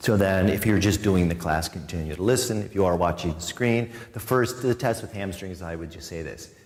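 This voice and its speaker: A deep-voiced man teaches a yoga class in a studio full of students, his words trailing off into a long echo. He gives relaxed posture cues and drops playful, chatty asides along the way. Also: a little fast. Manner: chatty, joking asides between calm cues. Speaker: yoga instructor. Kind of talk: guiding a live yoga class. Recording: long reverb in a studio room.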